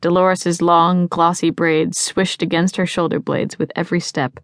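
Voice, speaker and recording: A woman narrating a teen novel in an even, lightly voiced storytelling manner. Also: lowish voice, moderate pace, dry recording. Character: level-headed teenage girl Bria, the heroine. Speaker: audiobook narrator. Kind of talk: scripted narration. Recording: dry studio booth.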